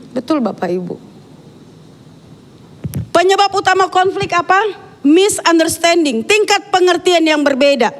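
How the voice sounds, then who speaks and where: A woman's voice: high voice, slight background noise. A woman giving a sermon in a church, talking frankly and chattily, with many asides to the congregation. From Dayak. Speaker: preacher.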